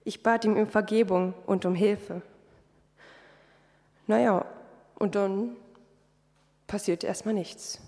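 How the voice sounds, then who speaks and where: A woman's voice: medium pitch, slow, long pauses. A young woman, a trainee housekeeper, giving a candid, colloquial personal testimony to a congregation. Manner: candid, lively storytelling with colloquial words. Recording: long reverb of a hall.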